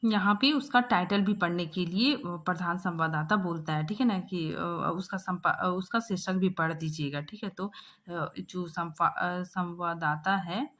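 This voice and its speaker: A young woman teaching a textbook chapter, explaining line by line and often checking in with a quick tag question. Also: fairly low pitch, fairly bright tone.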